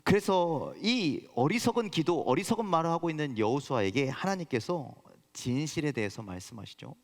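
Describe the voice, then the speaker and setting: A man's voice: a little high, expressive, normal speed, creaky. A male pastor delivering a sermon and talking directly to his congregation. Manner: preaching with acted-out quotes, addressing the congregation directly. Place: church sanctuary. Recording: long reverb of a church hall.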